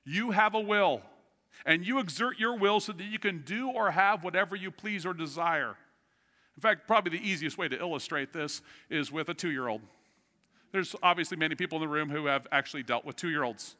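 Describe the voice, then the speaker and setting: Man, middle-aged, pastor, sermon, animated storytelling, loud to hushed, long hall reverb. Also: fairly high pitch, a little fast.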